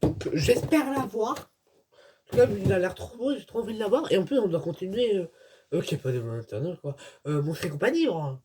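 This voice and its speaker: A woman's voice: mid-range voice, animated, brisk. A woman vlogging as she opens an advent calendar, chatting casually and grumbling in exasperation, with laughs in between. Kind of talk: casual unboxing chat. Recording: noisy with crinkling packaging. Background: clicks and crinkling wrappers.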